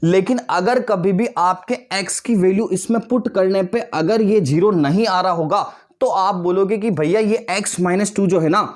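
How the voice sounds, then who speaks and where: This twenty-something man has a high voice and talks at a normal speed with few pauses. He's running an online maths class, gently coaxing students he addresses as "beta" and "bhaiya," repeatedly checking their understanding, and tossing in jokes.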